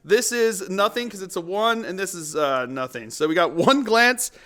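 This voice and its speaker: A man hosting a tabletop wargame battle report, giving casual play-by-play of dice rolls. He gets excitable, laughing often and bursting into whoops. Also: high voice, normal speed. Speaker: host and player.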